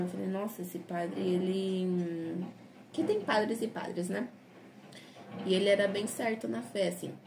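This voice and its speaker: A woman's voice: medium pitch, gravelly. A young adult woman with a Brazilian Portuguese accent tells her personal story in a chatty, rambling way, full of tag questions. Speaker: convert telling her story. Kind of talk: casual personal testimony. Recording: noisy background. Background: noise in the background.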